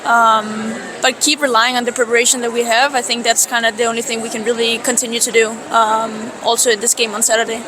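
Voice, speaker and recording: Measured female soccer player. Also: fairly high pitch, level tone, noisy background. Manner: measured, careful. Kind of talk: media day interview answers. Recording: crowd chatter behind.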